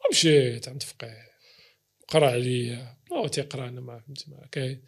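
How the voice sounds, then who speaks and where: As a guest in an interview, a Moroccan Arabic-accented man casually recounts personal stories, performing the lines he quotes and swearing oaths to stress his points. His mid-range voice is slightly rough, and he speaks a little fast.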